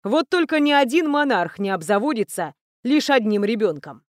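A woman reading aloud, voicing a cold, calculating male elf prince who interrogates his captive in a low, slow, menacing voice. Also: sing-song, dry recording, clean studio sound.

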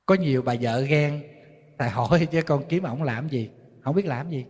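A man, a Buddhist monk with a Southern Vietnamese accent, giving a sermon full of lively stories and acted-out quoted voices. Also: on the high side, normal speed, breathy edge. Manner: storytelling, acting out quoted voices, teasing. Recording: long hall reverb.

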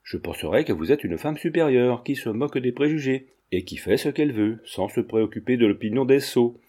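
A man reading the part of a self-assured, flirtatious gentleman, bold and insistent. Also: medium pitch, lively intonation, fairly quick, natural voice.

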